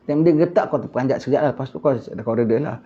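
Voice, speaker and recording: A man's voice: mid-range voice, racing, mellow. A man giving an Islamic lecture, preaching animatedly with rhetorical questions and sudden emphatic bursts. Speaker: religious teacher. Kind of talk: Islamic lecture in casual colloquial Malay. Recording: muffled lo-fi lecture recording.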